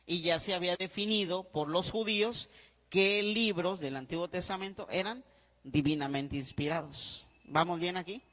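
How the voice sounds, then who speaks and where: A man's voice: high voice, fairly bright tone, long reverb tail. A man, a priest teaching a class, who repeats his points, spells words out letter by letter and keeps checking that the class follows. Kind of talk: classroom lecture.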